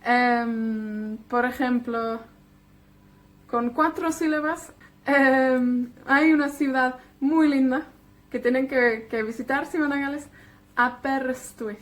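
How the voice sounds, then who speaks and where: A woman from Wales whose first language is Welsh, teaching a patient beginner language lesson and repeating words slowly with frequent check-ins. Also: high-pitched, fairly even intonation.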